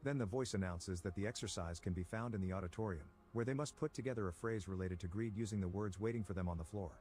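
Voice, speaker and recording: Recap voice-over, man with a lowish voice, rapid and steady delivery. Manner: brisk, even, steady storytelling. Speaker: recap narrator. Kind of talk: scripted plot-recap narration.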